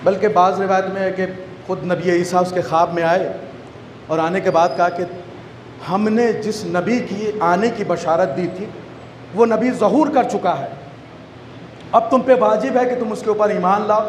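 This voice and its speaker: A man with an Indian Urdu accent preaching a majlis sermon, shouting repeated refrains in a half-sung rhythm. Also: sits high, fairly even intonation. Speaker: majlis orator. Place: mourning gathering hall. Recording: echoey hall with crowd and noise.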